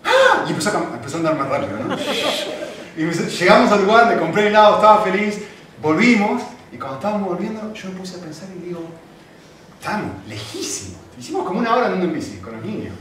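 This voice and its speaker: A man's voice: high voice, very fast. Echoey preacher man in a big hall. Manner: animated storytelling with acted quotes. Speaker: pastor. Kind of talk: sermon. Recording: very echoey hall, distant mic, faint noise.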